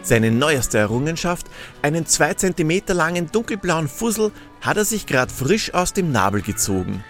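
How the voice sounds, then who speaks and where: A man telling a comic story with playful expression. His fairly high voice rises and falls with very lively intonation. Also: moderate pace, faint music behind.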